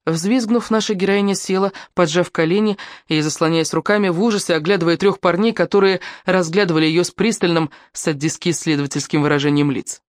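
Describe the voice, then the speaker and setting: A woman's voice: lowish voice, fairly quick, few pauses, no room sound. Woman narrating an audiobook, dry.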